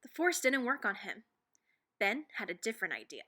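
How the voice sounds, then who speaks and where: Narrating a children's picture book aloud, a woman reads expressively in a fairly high, clearly bright voice with big pitch swings. She leans on key phrases with dramatic, deliberate emphasis.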